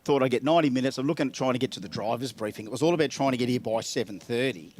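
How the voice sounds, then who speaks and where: A man's voice: medium pitch, racing. An Australian man telling a long, joking story as a guest in a casual interview, often laughing and acting out other people's lines. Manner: chatty yarn-spinner, laughs often, acts out others' lines. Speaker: event guest, driver.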